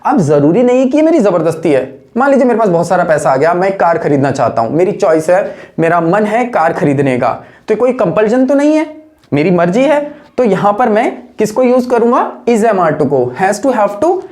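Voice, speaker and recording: A woman teaching an English grammar lesson. She is patient, slows down to stress key phrases, and asks and answers her own questions as she explains. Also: medium pitch, big pitch swings, darkish tone. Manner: addresses listeners as friends.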